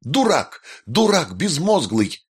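Man voicing hysterical young woman, shrill, tearful, high. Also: big pitch swings, very slow, bright, forceful tone, slightly rough, full character voice. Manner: shrill and sobbing.

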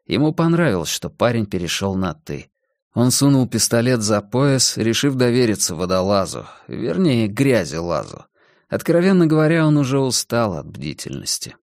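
A man's voice: on the low side, a little mellow, no echo. Dry-sounding male audiobook narrator. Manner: measured, deliberate reading. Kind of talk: scripted narration.

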